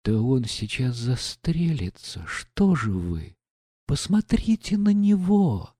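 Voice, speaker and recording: A man's voice: mid-range voice, sing-song, takes it slowly, dark tone, slightly rough, no echo, clean studio sound, pitched above the performer's own voice, heavily acted. A man reading aloud, voicing a frightened young woman who pleads urgently. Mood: alarmed. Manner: urgent, alarmed.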